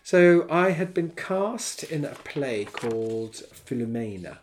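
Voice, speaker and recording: A man's voice: mid-range voice, lively intonation, slow, slight background noise. A man in casual chat, telling stories from his past with dry, wry humour and laughs.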